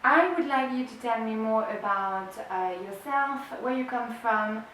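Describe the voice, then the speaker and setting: A woman's voice: a little high, a bit bright. Hesitant woman hosting in echoey room. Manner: hesitant, halting with fillers. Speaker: podcast host. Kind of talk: podcast interview. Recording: echoey room, distant mic, faint hiss.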